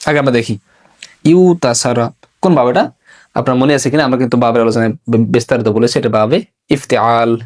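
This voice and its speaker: A male teacher giving an online grammar lesson, asking questions and answering them himself, repeating example words slowly. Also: medium pitch, darkish tone. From Bangladesh.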